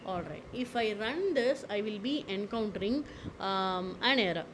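A woman presenting a screen-recorded software tutorial, explaining step by step with frequent fillers and repeated "okay"s. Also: medium pitch, animated, moderate pace, noisy background.

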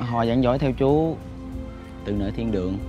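A man playing a kind young delivery man in a short film, speaking gently and reassuringly, with music behind. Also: medium pitch, normal speed, dull audio, close to an everyday voice. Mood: gentle.

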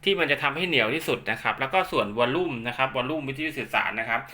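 A medium-pitched man speaks in a rapid-fire, sharp-toned way with lively intonation. He's an instructor demonstrating equipment in a casual hands-on tutorial, explaining each step and peppering his speech with polite particles.

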